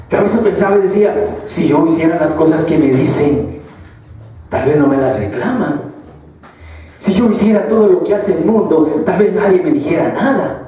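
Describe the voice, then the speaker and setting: Rich: A man with a high voice gives a sermon testimony in a church, earnest and emotional, repeating phrases as he goes. His voice rings with heavy echo and sounds distant from the microphone, as if it were set at the back of the hall. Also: dark tone, slight background noise. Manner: earnest, repetitive and emotional, with many restarts. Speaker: lay preacher. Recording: echoey church hall, mic far off.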